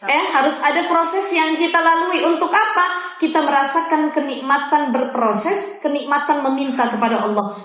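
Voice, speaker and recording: A woman preacher, giving a lively, chatty sermon to women and teasing the audience. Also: high voice. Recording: very echoey hall.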